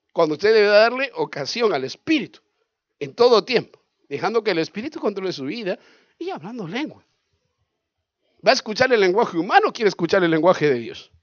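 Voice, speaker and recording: A male pastor, preaching a sermon in an animated way, asking questions and acting out scenes. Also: sits high, moderate pace, dry recording, highs cut off. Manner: animated, asks the congregation questions, acts out scenes.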